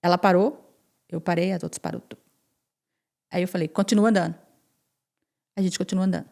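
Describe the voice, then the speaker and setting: Animated woman telling a personal story. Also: lowish voice, quick pace, gravelly. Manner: animated, repeats phrases and acts out quoted speech. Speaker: podcast guest.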